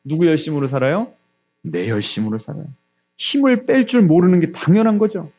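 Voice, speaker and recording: A man's voice: expressive, brisk, muffled recording. A man preaching a sermon as pastor, asking the congregation questions and answering them himself. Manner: acts out God's voice with quiet, low asides.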